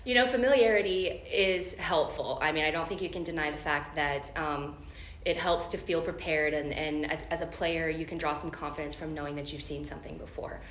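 A woman's voice: deep voice, fairly even intonation, brisk, a bit bright. A middle-aged woman, a head coach, speaking earnestly at a postgame press conference with frequent ums. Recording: echoey room, faint noise.

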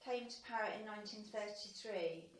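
A woman's voice: medium pitch, brisk. A woman acting as quizmaster, casually reading out multiple-choice questions in an echoey bathroom, away from the microphone. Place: small tiled bathroom with shower. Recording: echoey, distant mic with light noise.

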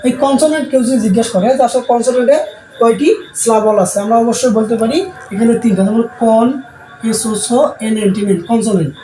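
A man's voice: very high voice, fast, dark tone. A male teacher, giving a classroom lesson and answering his own questions over and over. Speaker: English teacher. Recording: roomy sound with faint background noise.

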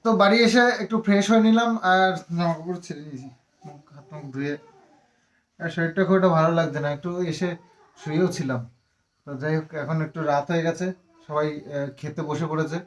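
A woman's voice: low voice, slight background noise. A woman from West Bengal chatting casually to camera at home for a family vlog, rambling with lots of fillers, tired after a long ride. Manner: fond and teasing when talking to a child. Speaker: family vlogger.

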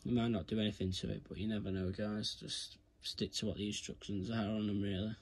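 In a carpeted room indoors, a man with a fairly low, fairly even voice gives a brisk, casual tutorial as he works on something hands-on. He chats informally with his viewers, calling them "guys," amid clear background noise and handling clicks.

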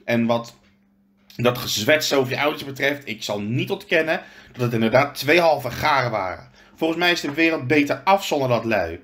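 A man's voice: mid-range voice, animated, moderate pace, a bit bright, natural voice. A man reading a storybook aloud, putting on a blustering, bullying middle-aged uncle who snaps out his scorn. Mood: angry. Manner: snapping, contemptuous outbursts.

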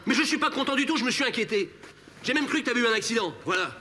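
A bright, high and animated man's voice for a jealous, fussy young Frenchman. He argues fast and defensively, swinging up and down. A faint hiss sits under the old TV recording. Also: heavily acted. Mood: worried. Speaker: sitcom actor. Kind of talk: 1980s French sitcom acting.

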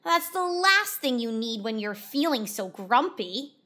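A woman's voice: on the high side, big pitch swings, a little slow, sharp tone, full character voice. A woman voicing a matter-of-fact, easygoing male gorilla friend in a children's storybook. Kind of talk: children's storybook read-aloud.

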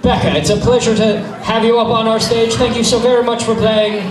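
A man's voice: sits high, level tone, fairly quick. A man hosting a burlesque show on stage, projecting into a handheld microphone with bawdy, teasing, profane showman's patter. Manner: projecting loudly to a live audience. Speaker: burlesque show host and raffle emcee. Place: on stage in a theatre-like venue. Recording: echoey hall from far off, loud crowd.

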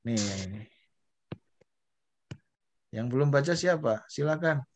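A man's voice: mid-range voice, expressive, measured pace, slight background noise. A male teacher, leading an online Arabic class and patiently drilling pronunciation syllable by syllable over a video call.

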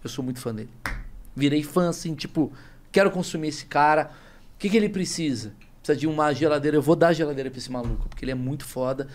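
Brief: thirties man from Brazil, podcast guest, emphatic and emotional storyteller, slangy, voice sitting a bit high. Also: fast. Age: 30s. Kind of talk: casual podcast chat.

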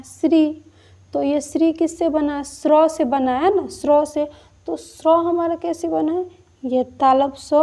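A woman's voice: high voice, mellow. A woman teaching an exam-prep grammar lesson, explaining step by step and asking and answering her own questions. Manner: repeats "है ना" and "ठीक है" often.

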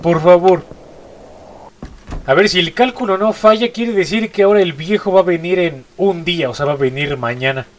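Stuffy-nosed Mexican gamer, jumpy. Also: male voice, high voice, fairly quick, few pauses. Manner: jumpy, repeats short exclamations. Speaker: gaming YouTuber. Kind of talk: horror gameplay commentary.

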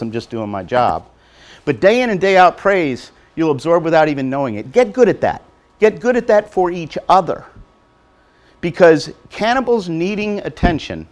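Guy giving an animated pep talk, jokey, slightly high voice, acts out little quotes. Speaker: motivational speaker. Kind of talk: motivational talk to nursing assistants. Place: college hall before an audience.

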